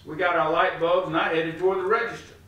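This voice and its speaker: A man's voice: a little high, flat delivery, quick pace, sharp tone. A middle-aged man with a Southern US accent telling funny family stories in a folksy, drawling way, talking straight to his listeners. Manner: folksy, drawling, addresses the audience directly. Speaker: storyteller. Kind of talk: folksy comedic storytelling. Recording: roomy echo.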